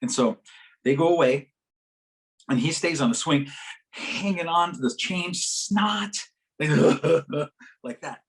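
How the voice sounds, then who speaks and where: Animated man telling a story in a workshop. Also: unhurried, long pauses. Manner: animated, acts out quoted voices with big pitch jumps; laughs as he talks. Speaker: workshop presenter. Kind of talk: storytelling talk to a live audience. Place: conference workshop session.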